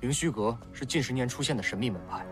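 An actor playing a martial-arts retainer in a costume drama, reporting in a formal, measured, ominous way. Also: male voice, medium pitch, close to an everyday voice. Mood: grave. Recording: music behind the voice.

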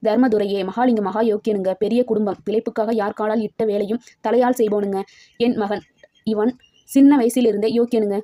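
A woman's voice: mid-range voice, warm tone, no echo, clean studio sound, natural voice. A woman voicing an elderly mother in her sixties who pleads tearfully and humbly for her son. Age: 60s.

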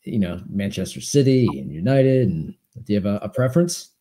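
A man's voice: lowish voice, lively intonation, fairly quick, dark tone, reverberant, a little hiss or hum. A man in his forties hosting a casual interview show over a video call, rambling and restarting his phrases. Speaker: podcast host. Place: home office with bookshelves. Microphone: video call webcam.

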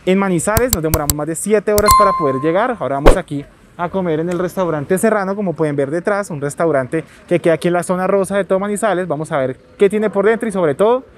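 Loud music and crowd noise sit behind a young male travel vlogger whose high voice moves at a quick pace through his face mask. Enthusiastic and reliant on filler phrases, he casually tours a restaurant and city streets during a trip from Colombia.

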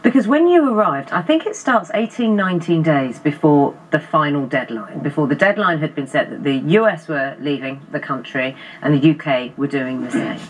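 Husky low-voiced woman presenter. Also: expressive, normal speed, few pauses, low-quality recording. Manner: probing, long run-on questions. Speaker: news presenter. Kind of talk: studio interview. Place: TV studio.

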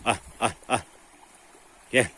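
A man filming his dogs outdoors, talking casually to his viewers and calming the dogs with repeated words. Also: takes it slowly, heavy background noise. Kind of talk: casual vlog commentary to viewers. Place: outdoors in a rural area.

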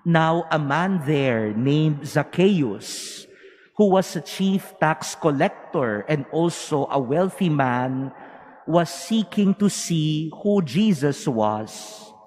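A fairly high-voiced man leads the liturgy as priest, reading slowly and deliberately. His solemn proclamation rolls out through the long reverb of a large cathedral, every phrase trailing a cathedral echo. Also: expressive, darkish tone. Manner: measured, solemn, deliberate delivery. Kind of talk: liturgical gospel proclamation at Mass.

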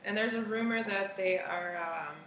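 A woman's voice: mid-range voice, normal speed, echoey room, heavy background noise. A woman co-hosting a casual whiskey tasting chat in a bar's party room, talking hesitantly with many fillers. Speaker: co-host, bar manager.

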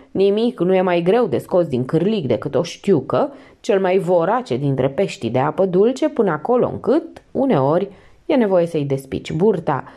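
Female audiobook narrator, expressive and lively, mellow dark tone. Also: on the low side. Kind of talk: scripted narration.

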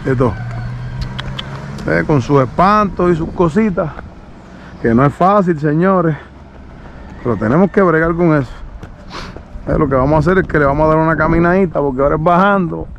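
Calm man coaching a young horse. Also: on the high side, moderate pace, pauses often, lo-fi sound, a little hiss or hum. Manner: calm, soothing, coaxing the horse with short commands. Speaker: horse trainer. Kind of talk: explaining while training a young horse. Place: outdoors on a road with a horse.

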